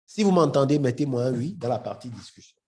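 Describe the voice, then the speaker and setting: Running a live marketing webinar while fighting a head cold, this middle-aged trainer talks directly to his audience. His mid-range voice is expressive, fast and darkish in tone, yet he hesitates and repeats words a lot.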